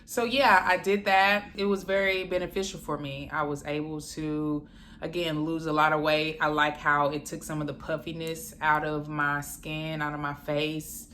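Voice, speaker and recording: Bright, playful woman. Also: sits low, moderate pace, slight background noise. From Dallas, Texas, USA. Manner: playful and animated, slips into quoted voices and laughs. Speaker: vlogger. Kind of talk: casual vlog chat.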